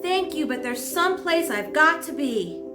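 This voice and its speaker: Woman voicing an earnest, high-pitched little boy. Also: expressive, moderate pace. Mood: polite, earnest. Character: nine-year-old boy, eager, polite, determined. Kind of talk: children's storybook character voice. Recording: roomy echo under prominent music.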